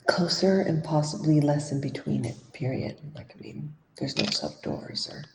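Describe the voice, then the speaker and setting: A woman's voice: low voice, normal speed, creaky. A woman chatting casually as co-host of a live broadcast over a hands-free headset, speaking from an echoey, empty meditation room and rambling with many restarts. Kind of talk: casual chat. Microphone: hands-free headset over a video call. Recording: roomy echo, faint background noise.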